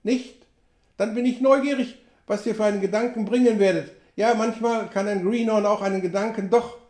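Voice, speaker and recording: Man doing folksy old trapper, high and lively. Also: brisk, natural voice. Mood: teasing. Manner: colloquial, drops pronouns, exclaims often. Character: chatty, folksy old male frontier trapper. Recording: roomy echo.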